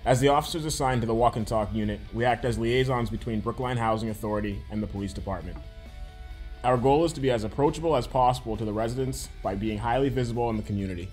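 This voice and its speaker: A man reads a formal scripted narration quickly, in a middle-pitched voice. Faint guitar music plays under him. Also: darkish tone. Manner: brisk, formal read.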